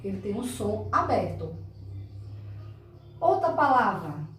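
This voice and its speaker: A woman's voice: mid-range voice, sing-song. A Brazilian woman teaching children in a recorded lesson, stretching out words and checking in often. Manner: drawn-out, emphatic enunciation of words, frequent "tá?" checks. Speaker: primary school teacher. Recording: echoey room, mic far off.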